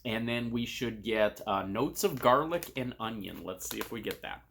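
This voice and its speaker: A man with a bright, crisp-edged voice hosts a casual food review. He speaks straight to the camera in an informal way, tasting and crunching chips between his comments. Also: mid-range voice, normal speed, slight background noise. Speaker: snack review host.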